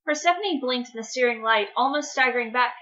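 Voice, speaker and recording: A woman narrates a dramatic story reading with expressive, measured delivery. Her voice sits a little high and sounds bright. The recording is dull and lo-fi. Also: a little hiss or hum.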